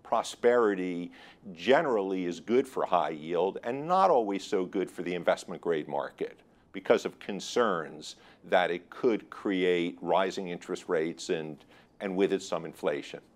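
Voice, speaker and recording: A man with a low voice answers interview questions as a market expert. He speaks in a measured, analytical way, choosing his points with care. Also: expressive. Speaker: guest expert on high yield bond markets.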